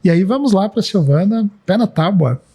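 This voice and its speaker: A man's voice: high-pitched, lively intonation, moderate pace, dark tone, husky. A man hosting a podcast interview, introducing his guests and handing them the floor with short prompts. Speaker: podcast host.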